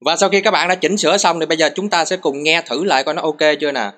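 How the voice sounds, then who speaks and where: Guy doing a phone tutorial, kinda high voice, patient, lots of little "here" cues. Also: fast talker, bright, forceful tone, faint music behind. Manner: patient, repeats short cues like "đó" and "nè". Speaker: host of a phone recording tutorial channel. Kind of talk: step-by-step screen tutorial.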